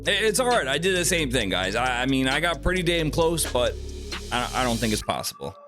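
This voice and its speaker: A man's voice: medium pitch, sing-song, brisk. A man hosting a reaction video in casual, laid-back commentary. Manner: laid-back, chuckling, says "guys" often. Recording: music bed under the voice.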